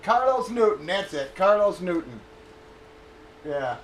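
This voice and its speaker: A man with a high-set voice chats loosely and profanely, stalling and circling back as he hunts for a name. He sounds like he is in an echoey room. A faint hum of ambience sits underneath. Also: big pitch swings, a little slow. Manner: profane, storytelling, trails off searching for names. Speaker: streamer. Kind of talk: casual rambling chat.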